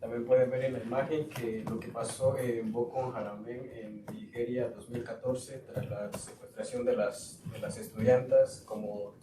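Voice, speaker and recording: Man from Guatemala presenting, halting. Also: medium pitch, little pitch movement. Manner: halting, with frequent fillers. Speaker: student presenter. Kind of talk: presenting to a school board. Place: school board meeting room. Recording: echoey room, far mic, noisy.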